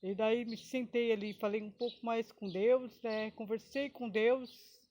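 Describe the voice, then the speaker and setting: A woman's voice: on the high side, fairly even intonation, unhurried, darkish tone, a little hiss or hum. A woman giving an emotional personal testimony, rambling, often adding tag questions and breaking into short praise exclamations.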